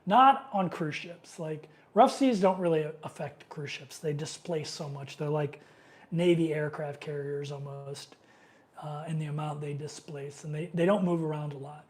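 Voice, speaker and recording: A middle-aged man with a cold sniffles while hosting a casual live Q&A stream. His voice is fairly high and moves at a normal speed. He rambles loosely, uses lots of fillers, and reads viewer comments aloud.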